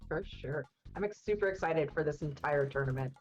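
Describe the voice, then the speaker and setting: Over soft background music, a low-pitched woman talking a little fast offers chatty, upbeat race commentary with many fillers. Her voice comes through a muffled built-in webcam mic, sounding like she's in a tunnel.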